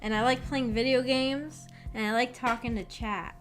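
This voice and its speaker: On her livestream, a young adult woman chats casually with viewers, hesitant, self-deprecating and rambling. Her voice is on the high side with fairly even intonation at a normal speed, and background music runs underneath.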